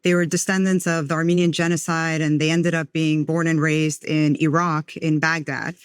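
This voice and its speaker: A woman's voice: low voice, little pitch movement, moderate pace, smooth, no echo, studio quality. A woman venture investor from the United States, answering interview questions in a reflective way, with frequent "you know" and "um". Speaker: venture capital investor, podcast guest.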